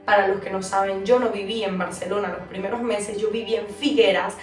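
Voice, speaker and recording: A young adult woman from Venezuela, telling a personal story in a chatty, animated vlog. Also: mid-range voice, fairly quick. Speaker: vlogger telling her story. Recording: echoey room, mic at a distance, soft music.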